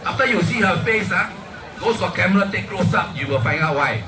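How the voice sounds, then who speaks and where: A Singaporean-accented man speaks to a protest crowd in a high-pitched voice. His delivery is impassioned and colloquial, built on rhetorical questions in Singlish. He is heard from a distance, with crowd noise around him. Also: lively intonation, a little fast, roomy sound, over music. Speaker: protest rally speaker and emcee. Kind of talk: impassioned political speech to a crowd. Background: crowd and ambient noise.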